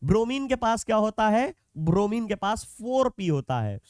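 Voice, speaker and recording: High, smooth-voiced male chemistry teacher. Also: big pitch swings, moderate pace, no room sound, studio quality. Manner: patient, explains step by step with everyday examples; addresses students directly. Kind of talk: classroom lecture.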